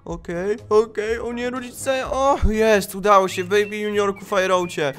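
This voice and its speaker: A young man narrating and acting out a game role-play as a whiny, excitable kid. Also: sits high, a little slow, smooth. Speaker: gaming YouTuber.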